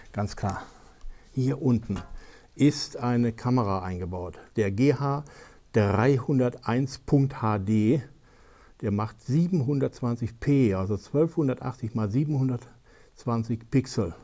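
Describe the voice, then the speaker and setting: A man's voice: mid-range voice, dark tone. A man hosting a tech advice show, casually demonstrating a gadget step by step with frequent hesitation fillers.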